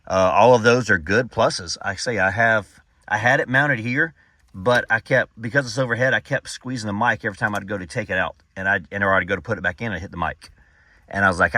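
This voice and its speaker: A low-pitched man talks through a casual product review. He is informal and folksy, rambling along as if chatting with fellow hobbyists. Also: bright, forceful tone, no echo.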